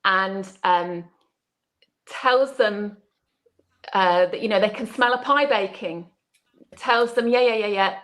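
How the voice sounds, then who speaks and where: A woman guest in a casual discussion, telling things in an animated way with quick asides. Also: mid-range voice, low-quality recording. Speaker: podcast guest.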